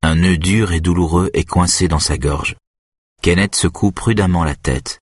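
Man, audiobook narration, very low voice, husky, steady reading. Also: moderate pace, no echo, studio quality.

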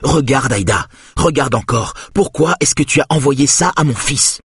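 A man's voice: mid-range voice, expressive, normal speed, breathy edge, dry recording, studio quality. A man reading a firm, insistent woman. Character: impatient, firm woman investigator questioning a girl. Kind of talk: audiobook character voice.

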